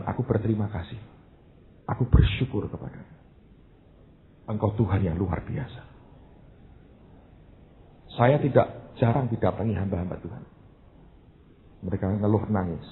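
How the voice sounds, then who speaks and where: A man in his forties preaching a sermon as a pastor, animated and conversational, dropping English phrases in, swinging between loud emphasis and soft asides. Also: lowish voice. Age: 40s. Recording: tinny phone-like sound with faint noise.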